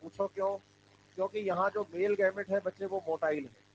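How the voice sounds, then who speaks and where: A high-voiced man lectures a biology class, firing questions at the students and repeating the answers back to them. The recording sounds a little dull, with a faint hum underneath. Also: fairly even intonation, brisk. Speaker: biology teacher. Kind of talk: classroom lecture with call-and-response.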